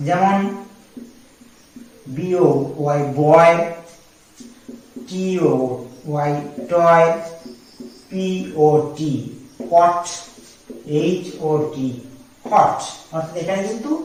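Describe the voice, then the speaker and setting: Male phonics teacher with a slightly high voice, spells each word out letter by letter; very echoey room, set back from the mic. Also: darkish tone, distant mic. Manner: slow, spells words out letter by letter. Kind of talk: English phonics lesson.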